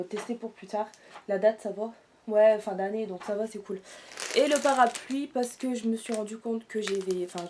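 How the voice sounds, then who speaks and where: In this haul vlog, a young woman talks through her purchases with lots of fillers and self-corrections, breathless and stuffed up from a sore throat. Her mid-range voice is a little mellow, and there's a slight hiss or hum on the recording.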